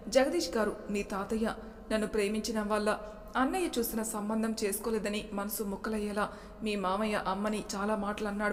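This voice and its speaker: A woman's voice: medium pitch, a little hiss or hum, natural voice. Grieving middle-aged father, read by the narrator, echoey. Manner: sorrowful, explaining. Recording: long reverb.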